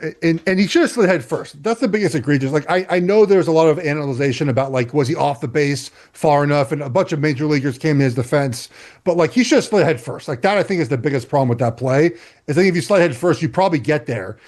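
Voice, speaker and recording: A man from Los Angeles, a retired football lineman guesting on a sports podcast, who argues his points emphatically with quick stumbling restarts. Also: fairly high pitch, a little mellow. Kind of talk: casual sports chat.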